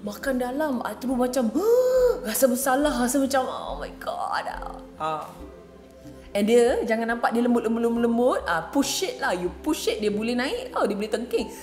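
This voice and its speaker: A woman from Kelantan tells a story in a relaxed vlog, soft-spoken and chatty, slipping easily between her own language and English. Her voice sits a little high. The room is noticeably echoey, with faint music playing underneath. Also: a little fast, few pauses. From Kelantan, Malaysia. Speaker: vlogger. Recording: roomy echo with faint music. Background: faint background music.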